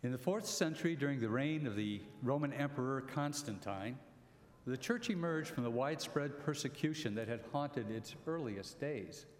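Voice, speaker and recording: A man, a priest, reading the Gospel at Mass with steady, formal proclamation. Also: mid-range voice, normal speed. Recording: echoey church hall, faint ambience.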